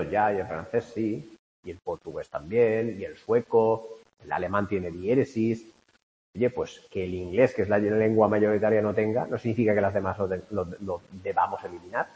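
A man teaching a lesson about a literary text in a chatty way, with asides, rhetorical questions and fillers. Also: on the low side. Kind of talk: spoken lecture on a literary text. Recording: lo-fi sound with long hall reverb.

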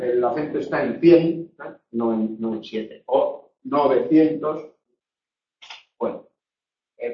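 A man's voice: mid-range voice, darkish tone. A man from teaching a live online grammar lesson, explaining with jokey asides and checking in often with "eh?" and "no?". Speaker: Spanish language teacher. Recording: echoey, distant, dull room sound.

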